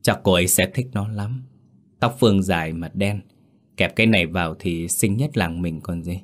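A man's voice: deep voice, normal speed, natural voice. A man doing a frantic heartbroken young man. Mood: tender. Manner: pleading, rising to anguished shouts.

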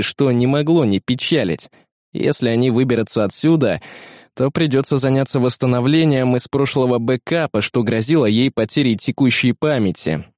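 A man reading an audiobook in steady, even scripted narration on a close mic. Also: medium pitch, dry recording.

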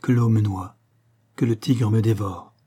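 A man's voice: lowish voice, fairly even intonation, a little slow, mellow, slightly rough. A man voicing a terrified, dying young princess in an audiobook, with a faint, trembling delivery. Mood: haunted. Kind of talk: audiobook character voice.

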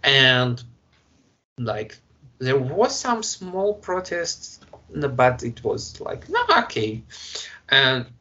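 A man from Russia with a Russian accent, speaking English in a halting way with many fillers and restarts as an interview guest. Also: mid-range voice, sing-song, bright, forceful tone, muffled recording. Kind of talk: conversational interview.

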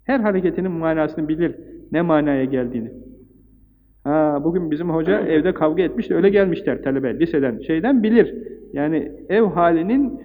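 A man's voice: fairly high pitch, animated. Older guy preaching, punchy lists, sounds like a thin phone-quality tape. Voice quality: recites Arabic verses quickly. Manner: emphatic, rhythmic lists, rising on key points. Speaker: Islamic preacher. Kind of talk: religious talk. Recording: tinny phone-like old recording in a hall.

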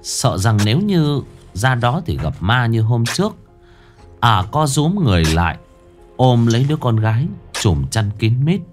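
A man's voice: medium pitch, a little slow, faint music behind. Dramatic male ghost story narrator. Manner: dramatic, expressive.

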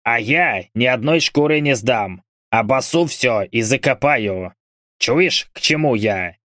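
A man's voice: mid-range voice, lively intonation, takes it slowly, sharp tone, dry recording, studio quality. A man voicing a grumpy, foul-mouthed male berserker who grumbles and curses. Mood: threatening. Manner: coarse, swearing, grumbling.

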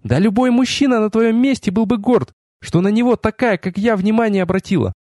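A man voicing a proud, hot-tempered young goddess in an audiobook, pitching his voice well up and speaking imperiously. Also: mellow, dry recording, studio quality. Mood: furious. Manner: imperious, quick to flare up, then pleading.

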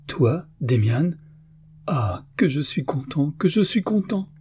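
A man voicing a gentle, warm-hearted elder brother in an audiobook, earnest and softly pressing. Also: medium pitch, moderate pace, husky. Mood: overjoyed. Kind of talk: audiobook character reading.

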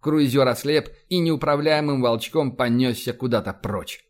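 Man, audiobook narrator, scripted narration, steady dramatic reading. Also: mid-range voice, moderate pace.

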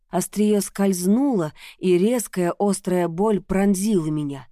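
A woman reading a first-person story aloud in a measured, storytelling manner into a close microphone. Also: lowish voice, mellow, no echo. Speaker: audiobook narrator. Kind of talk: first-person audiobook narration.

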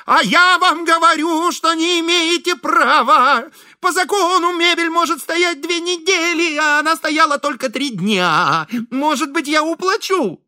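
A man voicing a fawning, excitable man who gushes compliments in breathless exclamations, in an audiobook reading. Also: extremely high pitch, slow pace, few pauses, no room sound, clean studio sound, voice pushed up, heavily acted. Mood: frantic.

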